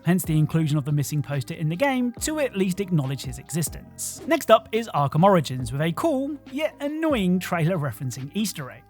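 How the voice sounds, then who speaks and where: Lively gaming list narrator, wry asides, swoopy pitch, bit of music under it. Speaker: video host. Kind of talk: scripted countdown narration about video games.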